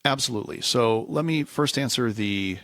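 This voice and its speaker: Recorded at studio quality with no room sound, this male podcast guest, a reliability engineer, speaks at a normal speed with a medium-pitched, slightly bright voice. The technical show feels like a casual chat, and he rambles, self-corrects and occasionally acts out quotes.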